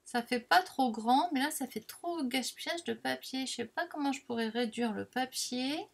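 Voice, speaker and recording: A woman's voice: high voice, normal speed, gravelly. A woman chatting casually while demonstrating a paper craft, self-deprecating and full of little filler words. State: has the hiccups. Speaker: crafting vlogger.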